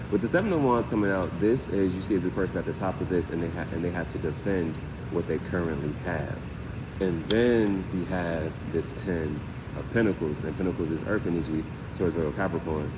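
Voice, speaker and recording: A low-voiced man talks a little fast while hosting a live tarot reading over a noisy background. His delivery is casual and rambling, and he repeats "you know what I'm saying" a lot.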